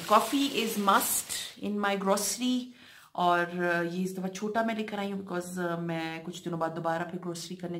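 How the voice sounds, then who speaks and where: A middle-aged woman, chatting casually through a grocery haul vlog and switching often between Hindi-Urdu and English with many fillers. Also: on the low side. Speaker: lifestyle vlogger.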